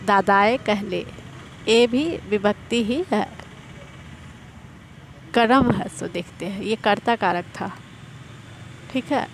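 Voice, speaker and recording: Woman, teacher, grammar lesson, slow and explanatory, repeats examples, faint traffic noise behind. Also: mid-range voice. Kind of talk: exam-prep grammar lesson.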